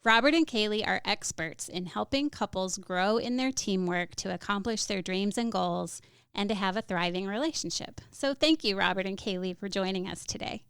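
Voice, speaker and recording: A woman co-hosting a podcast and reading a lively introduction of her guests. Her voice is smooth and clear at a middle pitch. It is recorded close and dry. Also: moderate pace, dry recording. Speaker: podcast co-host.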